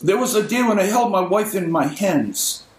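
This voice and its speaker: A man's voice: sits high, expressive, normal speed, reverberant, rough recording. A middle-aged male pastor preaching an impassioned, emphatic sermon.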